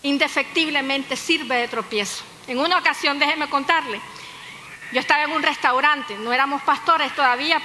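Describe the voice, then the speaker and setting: A woman's voice: high voice, sharp tone. A woman pastor preaching a sermon, telling stories with humor and turning to the congregation with asides. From Nicaragua. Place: church hall. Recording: echoey hall with faint noise.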